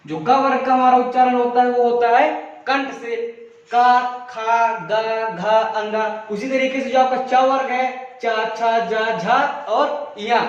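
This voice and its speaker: A man's voice: very high-pitched, steady tone, slow. A man teaching a grammar lesson, drilling sounds one by one and asking the class questions, then answering them himself. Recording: echoey room, mic far, dull sound.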